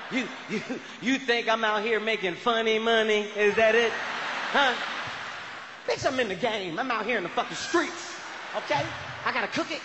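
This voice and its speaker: A man on stage acting out a brash, boastful man high on drugs who believes he is a street dealer, taunting in profane, aggressive bursts. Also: noisy background, natural voice. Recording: echoey hall with faint ambience.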